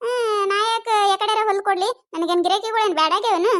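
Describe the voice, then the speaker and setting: A performer voicing a proud village tailor woman with a North Karnataka accent who snaps back quickly in a cartoon comedy. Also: very high voice, a bit bright. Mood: defensive. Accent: North Karnataka Kannada. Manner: defensive, quick retorts.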